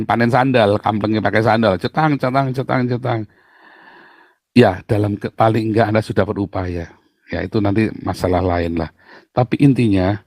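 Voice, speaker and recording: A middle-aged man with a light lilt delivers a sermon in a lively, teasing way. He jumps into high mocking voices and sound effects to make his point. His voice sits at an ordinary pitch, recorded dry and close. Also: dry recording. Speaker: pastor.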